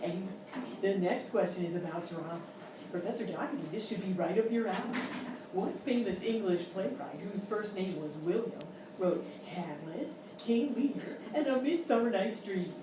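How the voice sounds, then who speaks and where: A woman plays an exasperated, condescending quiz show host in a live radio-style comedy sketch, prodding the contestant with incredulous, scolding, mock-polite remarks. Her medium-pitched voice is close to everyday speech, with lively intonation and a moderate pace. The room is very echoey and noisy, and the mic is far away.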